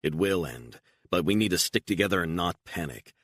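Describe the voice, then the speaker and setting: A man voicing a hardened operative who speaks calmly and firmly. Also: low-pitched, fairly quick, dry recording. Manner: calm, firm. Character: calm, hardened male operative.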